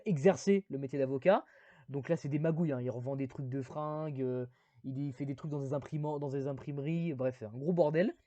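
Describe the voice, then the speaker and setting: A man's voice: fairly high pitch, warm tone, dry recording, muffled recording. A man giving a casual spoken video review, rambling with many fillers and self-deprecating asides.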